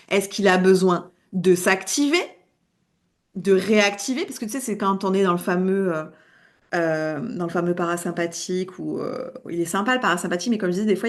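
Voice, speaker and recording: A woman with an accent in French, a coach giving a casual, lively video lesson and laughing at herself as she talks. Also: mid-range voice. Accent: non-standard French accent. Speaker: wellness coach.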